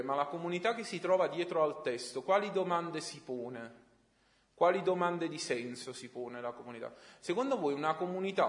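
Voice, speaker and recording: A man teaching a lively class lecture, putting questions to his students. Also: on the high side. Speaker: religion teacher. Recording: echoey room, long reverb.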